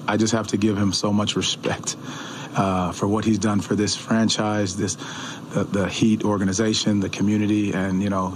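Coach guy at a postgame presser, low steady voice, kinda flat, keeps restarting his sentences, table mic, faint hum behind. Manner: measured, repeats words and restarts often. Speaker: head coach. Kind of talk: postgame press conference answers. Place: press room in an arena. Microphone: table mic on a stand.

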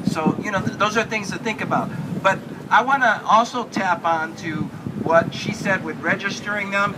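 A man's voice: high voice, moderate pace. A man giving an earnest, rousing speech at an outdoor rally, stumbling into repeated restarts. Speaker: state commissioner and magazine publisher. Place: outdoors on building steps. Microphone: handheld mic, filmed by a phone from far off. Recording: distant phone video with loud street noise.

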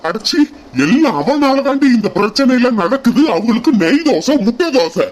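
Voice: medium pitch, sing-song, moderate pace. A performer voicing an angry middle-aged businessman father with a Kanyakumari Tamil accent, ranting about his losses. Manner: ranting and lamenting.

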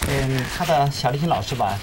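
Middle-aged man, rapid delivery, casual explanatory interview talk, faint noise and clicks. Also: medium pitch, lively intonation. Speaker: guest music teacher and conductor. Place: TV studio at a desk.

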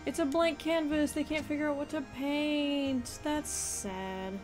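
A woman's voice: sits high, measured pace, over music. A woman hosting a let's play, giving casual game commentary full of dry, irreverent asides.

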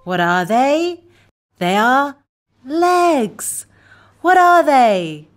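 High, animated woman hosting a kids show. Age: young adult. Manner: exaggerated, playful kids show host delivery with slow clear repetition. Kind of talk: children's English vocabulary lesson with acted exercise skits. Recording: music behind the voice. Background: children's music.

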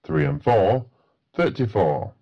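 A man's voice: mid-range voice, very animated, slow, gravelly, lo-fi sound. A man working as a bingo caller, announcing numbers in set phrases with a matter-of-fact delivery.

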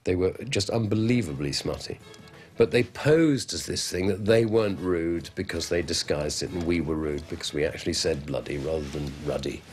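A man's voice: sits low, normal speed, a little mellow, soft background music. A man recalling a comedy show in a chatty documentary interview, full of "you know". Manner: chatty, filler-heavy recollection. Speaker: interviewee, former show insider.

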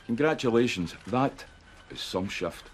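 An actor playing a jovial, chancing shop customer with a Scottish accent in a TV sitcom. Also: male voice, medium pitch, animated, a little slow, lightly acted. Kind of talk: sitcom acting.

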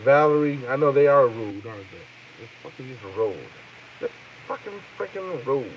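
A comedian talking live to his viewers in a loose, profane, riffing banter, shouting out names and joking. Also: medium pitch, animated, moderate pace, muffled recording, slight background noise. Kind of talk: rambling live-stream chat.

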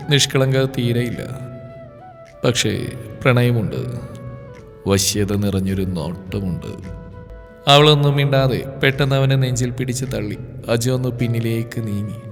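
A man reading a romance story aloud in a slow, emotive narration. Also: medium pitch. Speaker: story presenter. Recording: reverb with background music.

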